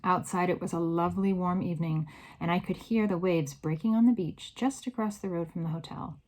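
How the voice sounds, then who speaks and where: Woman reading a kids book out loud, lots of expression, lowish voice. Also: a little fast, low-quality recording. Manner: expressive, varied storytelling. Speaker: read-aloud narrator. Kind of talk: reading a children's novel aloud.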